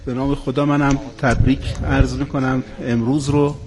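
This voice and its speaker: A man speaking formally off the cuff as a guest scholar, measured in manner, in a reverberant hall. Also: medium pitch, little pitch movement, noisy background. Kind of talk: formal extempore speech.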